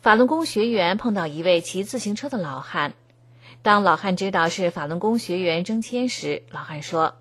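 Woman reading news stories, formal and even, kinda low and husky. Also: normal speed. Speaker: news reader. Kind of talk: scripted news narration.

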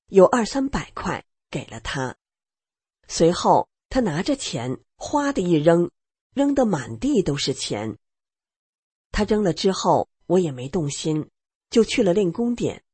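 A middle-aged woman with a low, very husky voice narrates her own testimony at an unhurried pace. Her pitch moves a lot as she acts out the lines of the people in her story. The recording is dry, with no room sound. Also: darkish tone, no echo. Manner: plain storytelling, acts out quoted dialogue. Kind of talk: read-aloud personal testimony.

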